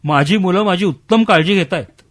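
An actor playing an elderly man who insists his son cares for him, talking defensively and dropping low and soft when he hedges. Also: moderate pace. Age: older. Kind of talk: radio drama acting.

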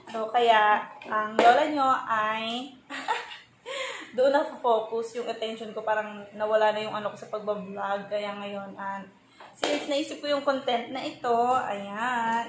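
A young Filipino woman, a full-time mom, chatting casually in a home vlog with many fillers. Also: a little high. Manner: chatty, hesitant with many fillers, switching to sing-song baby talk. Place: room at home with a baby. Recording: echoey room, faint background noise.

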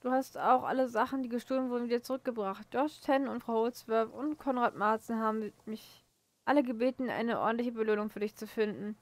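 A woman reading a kind stable-owner woman from a horse game who thanks the player warmly. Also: on the high side, fairly quick, no echo, natural voice. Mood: grateful.

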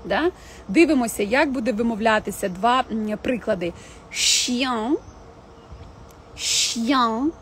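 A woman with a fairly high voice teaches French pronunciation live. She talks to her viewers directly and slows down to model each word. A faint hiss sits under the recording. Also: lively intonation. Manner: chatty, addresses viewers directly, models French words slowly. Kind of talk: casual live-stream lesson. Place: home, in the evening.

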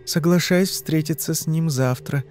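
A man voicing a frightened young woman under hypnosis in an audiobook, answering in short, halting phrases. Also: fairly high pitch, darkish tone, voice pushed up, close to an everyday voice. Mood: uneasy. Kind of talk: audiobook reading.

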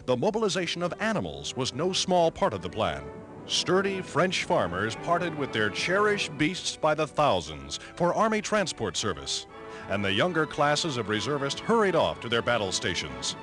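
A man's voice: fairly high pitch, wildly swooping pitch, normal speed. A man narrating an old 1930s newsreel in a dramatic, emphatic announcer style. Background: music score.

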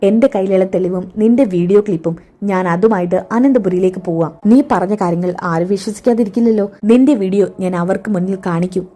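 A woman's voice: medium pitch, fast talker, dark tone, lightly acted. A woman voicing a determined young woman who speaks firmly and resolutely. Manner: firm, resolute.

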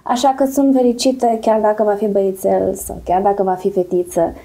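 A woman's voice: medium pitch, level tone, warm tone. A pregnant woman in her thirties with a Moldovan accent, a singer and presenter speaking candidly and animatedly as an interview guest, laughing often. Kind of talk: relaxed interview chat.

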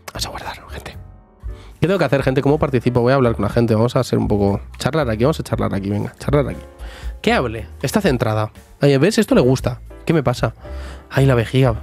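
This man's voice is mid-range and a little mellow. He's chatty and jokey as he streams a life-sim game, addressing both his chat and his sim.

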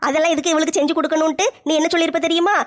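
A woman's voice: extremely high pitch, little pitch movement. A woman playing a scolding, accusing mother-in-law in a comedy family skit. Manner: accusing, rapid-fire scolding.

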